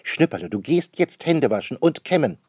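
A man's voice: on the high side, sing-song, normal speed, darkish tone, breathy edge, no echo, voice pushed up. A man doing a bossy scolding schoolgirl. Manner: scolding, indignant.

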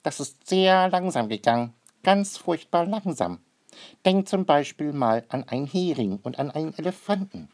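A man voicing a fussy, curious male water bird in a read-aloud storybook, talking in a high, questioning, naively clever way. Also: expressive, moderate pace, darkish tone, lightly acted.

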